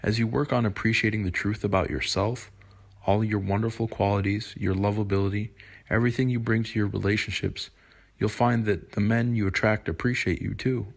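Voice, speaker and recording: Slick, confident low-voiced man giving advice. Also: fairly even intonation, fairly quick, creaky. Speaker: dating advice host. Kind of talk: scripted narration, dating advice.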